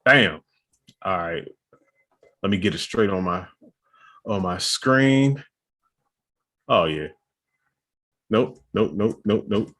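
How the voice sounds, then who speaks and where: Trading laid-back, slang-filled banter, a podcast co-host with a fairly low male voice keeps the casual chat loose. He tosses in quick asides and friendly jokes throughout.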